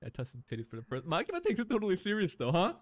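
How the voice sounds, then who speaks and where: Young guy reacting to anime on stream, super lively voice, laughs and yells a lot, close mic in a small room. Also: sits high, very fast, no room sound. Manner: animated, laughing, shouts in bursts. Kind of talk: excited reaction commentary. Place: small room indoors, in a gaming chair. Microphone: studio mic on boom arm, close.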